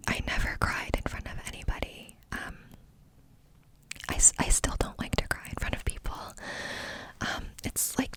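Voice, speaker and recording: Woman in a close cupped-hand whisper. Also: poor audio. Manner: confiding, candid. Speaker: ASMR host. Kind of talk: ASMR personal storytelling in a close-up whisper.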